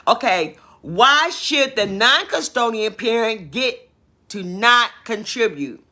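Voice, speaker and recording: Female livestream host, forceful bright voice, repeats herself for emphasis. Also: on the high side, animated, slow. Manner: emphatic, repeats her points, asks questions. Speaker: livestream host reading viewer comments. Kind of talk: casual opinion livestream.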